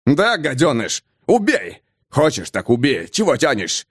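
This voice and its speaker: A man voicing a brash, hot-tempered nomad chieftain in an audiobook, blustering and loud, with drawn-out mocking words. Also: mid-range voice, huge pitch swings, breathy edge, no echo, studio quality, heavily acted. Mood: angry pleading. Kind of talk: audiobook character voice.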